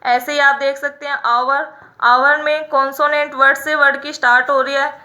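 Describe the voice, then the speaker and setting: Bright high-voiced woman teaching grammar. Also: level tone. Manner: explains slowly and repeats each point, stretching out the letters. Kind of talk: classroom-style grammar lesson.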